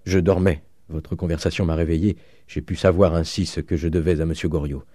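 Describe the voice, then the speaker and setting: A man voicing an earnest, honorable young man who speaks steadily and gravely. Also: low voice, fairly even intonation, fairly quick, mellow, no room sound, studio quality.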